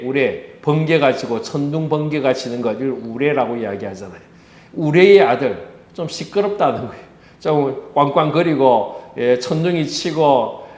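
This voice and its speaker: A man's voice: medium pitch, echoey room. A man with a Busan Korean accent, a pastor giving a conversational sermon that he keeps moving with rhetorical questions. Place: church.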